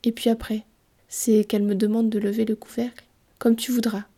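A woman's voice: a little high, flat delivery, a little fast, mellow, husky. A woman voicing a sullen, grumpy young boy in a storybook reading. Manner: sullen and curt.

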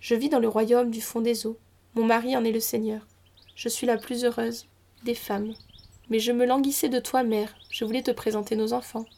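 Give me a woman playing a soft-spoken loving young wife, slightly high and steady. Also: moderate pace, gravelly. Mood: tender. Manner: soothing, tender. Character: young wife of a river lord, loving and gentle.

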